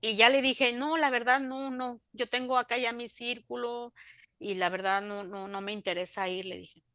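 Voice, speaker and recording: A woman's voice: a little high, fairly even intonation, normal speed, sharp tone, dry recording, studio quality. A woman, giving a faith testimony in an interview, telling her story by acting out both sides of the remembered conversations and turning emphatic when she preaches.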